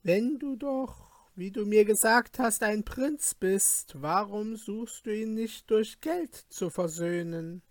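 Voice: medium pitch, takes it slowly, no echo, studio quality, close to an everyday voice. A reader doing a coaxing werewolf. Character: menacing male werewolf.

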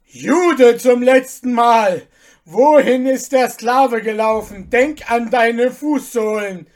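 A woman's voice: mid-range voice, slow, pitched above the performer's own voice, close to an everyday voice. A woman reading an audiobook and voicing a brutal man, an army officer who barks threats. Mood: shouting. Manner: barking, threatening.

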